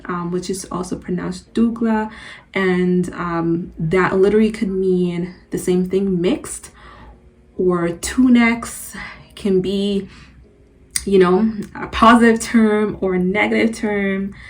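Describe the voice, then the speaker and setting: A young woman from Antigua, born in Guyana, chatting casually to her channel in a relaxed, rambling way. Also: medium pitch, slow pace. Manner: chatty, relaxed, loose with fillers. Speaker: channel host. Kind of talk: casual personal vlog.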